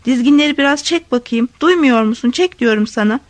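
A woman's voice: high voice, brisk, no echo, voice pushed up, natural voice. A woman voicing a timid, cowardly male official in a read-aloud story, who blusters and then pleads. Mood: blustering.

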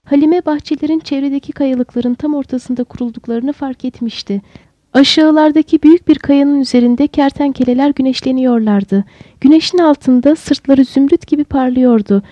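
A woman narrates a storybook in a calm, steady read. Her voice is high and mellow, and the recording is dry and dull, with a lo-fi quality. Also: moderate pace, dry recording. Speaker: audiobook narrator.

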